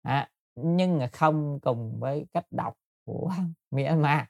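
A man's voice: a little high, slow pace, vocal fry, no room sound, studio quality. A man giving a Buddhist dharma talk, explaining patiently and politely to his listeners with frequent hesitations. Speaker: Buddhist teacher.

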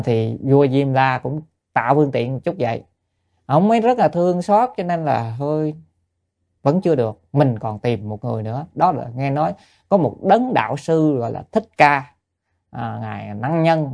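A male Buddhist teacher delivers a dharma talk woven with a story. His voice has a gravelly, creaky texture at a middling pitch. He keeps turning to listeners with rhetorical questions. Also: mellow.

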